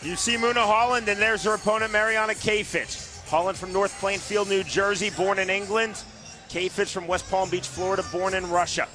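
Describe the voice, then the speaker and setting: A man's voice: high voice, steady tone, normal speed. A man doing live MMA play-by-play commentary in short, clipped announcer calls. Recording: loud crowd and music behind broadcast mic. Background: arena crowd and music.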